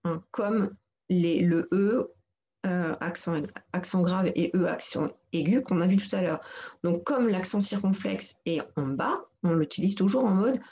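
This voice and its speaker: A woman narrates a screen-recorded tutorial, teaching seniors a computer lesson by patiently going through each step and repeating instructions. Her voice is on the low side, with a dark tone and measured pace. The recording sounds muffled.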